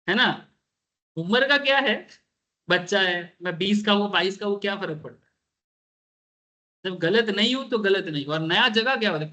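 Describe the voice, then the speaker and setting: A male teacher telling a personal story to his class in an animated way, turning to his listeners directly. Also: sits high. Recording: dull lo-fi recording.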